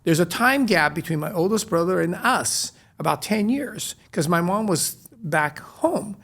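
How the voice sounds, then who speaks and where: Man, middle-aged, from Brazil, native Chinese and Portuguese, gravelly voice, animated storyteller. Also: high voice, a little slow. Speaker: guest, restaurant co-founder. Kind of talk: casual interview storytelling.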